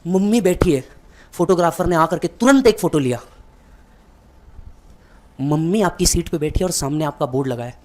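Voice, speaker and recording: A man's voice: on the high side, normal speed, pauses often, darkish tone. A man giving a motivational speech, telling a dramatic story straight to the listener. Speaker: motivational speaker.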